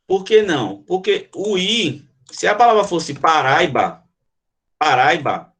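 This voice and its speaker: A man's voice: sits high, big pitch swings, measured pace, a bit bright. A Brazilian man teaching an online grammar lesson, explaining step by step and asking the class questions. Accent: Brazilian Portuguese.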